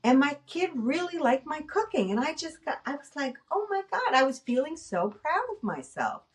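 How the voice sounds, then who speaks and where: A middle-aged woman hosting a casual talk show, animated and self-mocking, acting out her own past thoughts. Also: sits high, normal speed, far from the mic. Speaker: nurse and podcast host. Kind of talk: casual chat.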